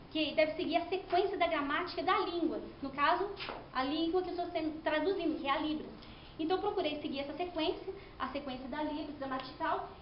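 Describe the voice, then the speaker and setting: High-voiced woman presenting her thesis. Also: slight background noise. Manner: explanatory, with frequent "né?" and restarts. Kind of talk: academic presentation. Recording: echoey room, slightly dull sound.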